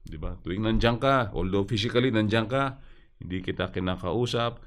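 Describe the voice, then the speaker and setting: A man, a pastor giving advice in a casual radio discussion, animated, often tossing in quick rhetorical questions. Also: fairly low pitch.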